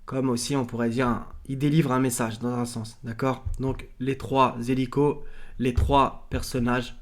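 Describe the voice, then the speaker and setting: Halting man explaining at length. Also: mid-range voice, little pitch movement. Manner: many fillers and restarts, often asks "d'accord?"; unscripted, halting delivery. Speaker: video commentator. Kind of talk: casual analysis talk.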